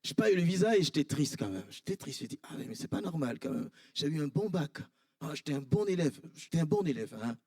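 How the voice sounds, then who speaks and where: Animated Ivorian pastor preaching a sermon. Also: male voice, fairly quick, dry recording, clean studio sound. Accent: Ivorian French. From Ivory Coast. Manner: animated preaching, swinging from high emphatic cries to low quiet asides. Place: church.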